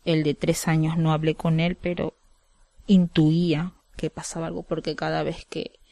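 A Peruvian woman recounts her story in an interview, pausing often and keeping her voice quite level. Her tone stays soft and steady. The recording is dry and close, with no room sound. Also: sits low, dry recording. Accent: Peruvian Spanish. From Peru. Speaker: interviewee, widow of a fisherman. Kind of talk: emotional testimony.

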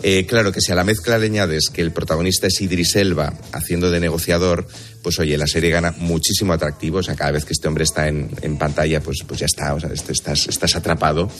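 A man's voice: deep voice, steady tone, fast talker, fairly bright tone. A man giving a conversational series review as a show critic, hesitating and repeating words as he explains.

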